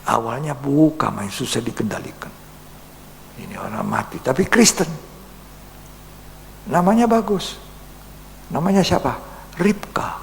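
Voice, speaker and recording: Male pastor preaching in a church, real gravelly voice, long echoey reverb, faint hum behind. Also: mid-range voice, expressive, measured pace, pauses often. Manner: earnest, acts out dialogue, drops to soft whispers. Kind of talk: sermon storytelling.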